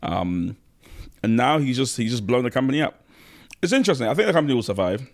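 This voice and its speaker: A man hosting a casual podcast, talking in an animated way and laughing often, sometimes while eating. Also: mid-range voice, fast talker, no room sound. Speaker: podcast host.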